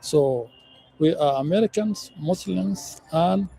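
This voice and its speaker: A man answering questions in a street interview outdoors, speaking in a halting, measured way with pauses. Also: sits high, gravelly, mellow, faint music behind, poor audio.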